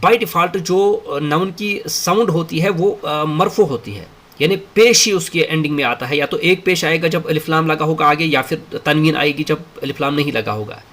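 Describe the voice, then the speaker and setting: A man teaching an Arabic lesson, switching between Hindi-Urdu and English and reading Arabic drills aloud, with many drawn-out fillers. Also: on the high side, a bit bright. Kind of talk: spoken lesson.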